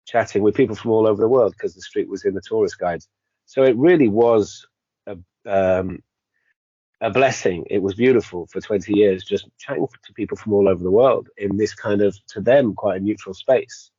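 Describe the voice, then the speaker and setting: An older man speaking as an interview guest, reflective and hesitant, often pausing with ums and restarting his sentences. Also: on the low side, a little mellow, no echo. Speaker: podcast guest, energy healer. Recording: dry, slightly dull audio.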